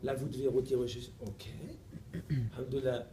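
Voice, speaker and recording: A middle-aged man preaching in a mosque, telling a story in a lively, playful way and acting out the dialogue. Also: mid-range voice, moderate pace, background noise. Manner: animated, playful, laughs often, acts out dialogue. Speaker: preacher giving a lecture. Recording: echoey room recording with faint ambience.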